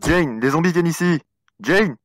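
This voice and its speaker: A man's voice: on the low side, steady tone, quick pace, fairly bright tone, a little hiss or hum, close to an everyday voice. A man playing an urgent, desperate father. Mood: panicked, shouting. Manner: urgent, insistent, calling out. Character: desperate protective father warning of zombie attack. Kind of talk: audio horror drama acting.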